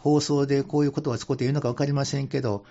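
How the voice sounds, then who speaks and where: A man with a Kansai accent talks about Buddhist teaching in a relaxed, folksy way, chuckling now and then and dropping into dialect for emphasis. His voice is breathy and husky, and the radio recording sounds dull and lo-fi. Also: mid-range voice, rapid-fire. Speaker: Buddhist temple head priest, radio guest.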